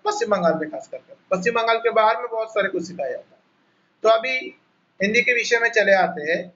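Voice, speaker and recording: High-voiced Bengali-accented man teaching online. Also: lively intonation, a bit bright, lo-fi sound. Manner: slow, repetitive explaining, spelling out each sound. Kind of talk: online class lesson. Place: home, on a video call. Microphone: laptop mic on a video call.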